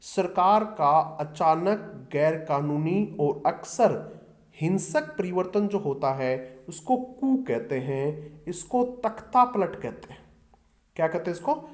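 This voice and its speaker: A man's voice: fairly high pitch, expressive, takes it slowly. A middle-aged man teaching exam vocabulary, often asking his students a question and then answering it himself. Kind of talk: exam-prep vocabulary lesson.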